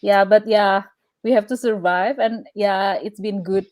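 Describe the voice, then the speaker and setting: A woman's voice: mid-range voice, steady tone, a little slow, no echo. A woman from Indonesia, a film director, answering in a live online Q&A in a friendly way with fillers. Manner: friendly, soft laughs, fillers.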